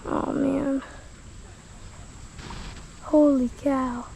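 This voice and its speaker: A woman vlogging outdoors by a creek, talking excitedly to the camera and exclaiming often. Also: sits high, extremely slow, gravelly, slight background noise, low-quality recording. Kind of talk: casual vlog commentary. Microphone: action camera mic.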